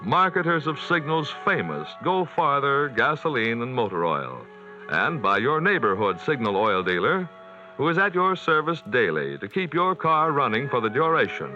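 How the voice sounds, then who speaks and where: Sounding like a dull vintage 1940s radio broadcast with soft music behind him, a man plays a radio announcer of that era, pitching the sponsor with a polished, emphatic salesman's flair. His medium-pitched voice is bright and forceful, swinging widely in pitch at a moderate pace.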